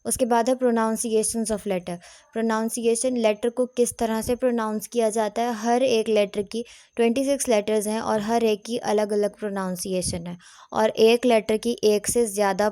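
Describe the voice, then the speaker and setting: A woman teaching grammar in a recorded lecture, explaining step by step and slowing down on headings. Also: medium pitch, mellow, no room sound, studio quality.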